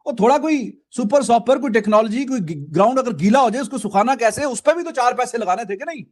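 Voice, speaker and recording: Very high-voiced indignant Pakistani Urdu-speaking man. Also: animated, fast talker. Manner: indignant complaining. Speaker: cricket commentator.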